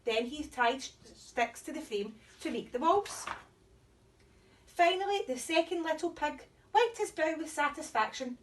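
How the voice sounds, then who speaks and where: A woman reading a children's story aloud in an animated, sing-song delivery for small children. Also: sits high, measured pace, recorded from a distance.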